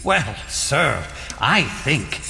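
A man playing a cheerful living Scarecrow newly made king in an audio drama, with a folksy, excitable, musing manner. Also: mid-range voice, very slow, creaky, heavily acted. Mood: pleased, musing. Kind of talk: theatrical audio drama acting. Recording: long hall reverb, music behind.

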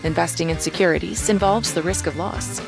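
Gravelly woman reading sponsor credits. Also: fairly low pitch, fairly quick. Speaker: sponsorship announcer. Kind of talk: scripted underwriting read. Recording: music bed under voice. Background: music.

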